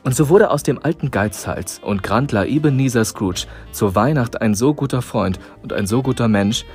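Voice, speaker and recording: A man reading a storybook aloud to listeners in a calm, measured way. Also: mid-range voice, soft background music. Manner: calm, measured narration with dramatic pauses.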